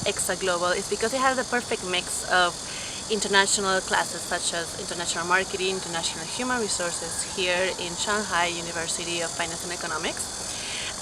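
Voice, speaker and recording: A young woman from Peru answering interview questions about her studies and work, fluent but with frequent fillers and restarts. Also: lowish voice. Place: outdoors on a university campus. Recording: clear background noise.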